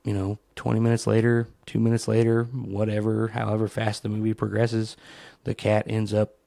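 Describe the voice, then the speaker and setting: Speaking at a moderate pace in a creaky voice, this solo podcast host rambles through profane, comic rants and animated stories. He jumps into higher voices for quotes, and the recording has no room sound.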